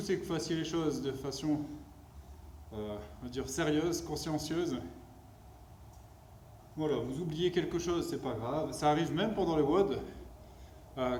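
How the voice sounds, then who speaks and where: A man with a slightly high voice leads a home workout, counting reps and coaching casually. The room is echoey, with some noise behind him. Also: darkish tone. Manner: workout rep counting, short counts between casual remarks. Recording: roomy echo, some background noise.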